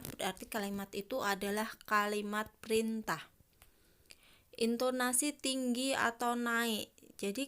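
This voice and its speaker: A woman's voice: fairly high pitch, fairly bright tone, clean tone. A woman teacher, patiently explaining a grammar lesson to young pupils and asking them questions.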